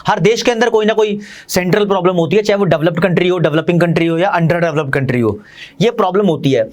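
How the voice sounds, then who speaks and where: Fast-talking high-voiced Indian male teacher. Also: a little mellow. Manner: fast, chatty, addresses students directly. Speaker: commerce teacher. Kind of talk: online lecture.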